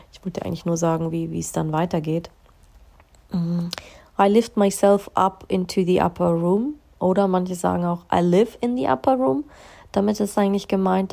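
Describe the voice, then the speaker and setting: A woman giving a calm, meditative spiritual self-help monologue, slowing down on key phrases and sometimes dropping into a soft whisper. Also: on the low side, vocal fry. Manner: slow, drawn-out emphasis on key phrases.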